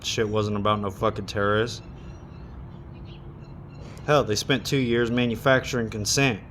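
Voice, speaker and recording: Heated, cursing man with a low voice. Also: steady tone, fairly bright tone, slight background noise. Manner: heated, swearing, with long pauses. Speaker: monologue speaker. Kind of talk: casual rant.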